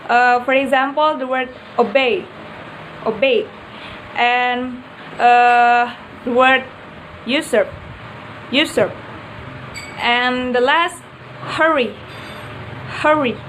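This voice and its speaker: A woman's voice: a little high, slow pace, pauses often, fairly bright tone, a little hiss or hum, low-quality recording. A young woman student giving a class presentation on word stress, hesitating with frequent fillers; her first language is Indonesian. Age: young adult.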